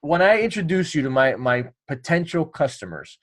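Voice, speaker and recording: A man's voice: a little high, big pitch swings, normal speed. A man hosting a casual interview podcast, friendly and joking, often restarting his sentences. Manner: friendly, joking, many restarts and repeated words. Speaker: podcast host.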